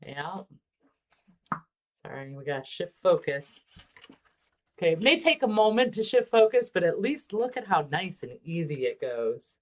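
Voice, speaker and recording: A woman hosting a casual livestream about miniature painting, relaxed and chatty with frequent ums. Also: on the low side, measured pace, pauses often.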